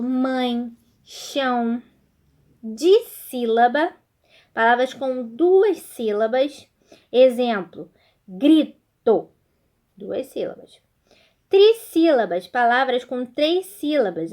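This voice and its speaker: Brazilian woman teacher, high voice, unhurried, remote school lesson. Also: a little mellow. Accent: Brazilian Portuguese. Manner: slow and clear, sounds out words syllable by syllable, checks in with the class.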